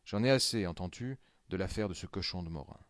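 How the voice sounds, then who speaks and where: A man's voice: on the low side, lively intonation, a little fast, no room sound, studio quality, natural voice. Man putting on a grumbling impatient friend. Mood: exasperated. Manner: grumbling, exasperated. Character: irritable male friend, blunt and impatient.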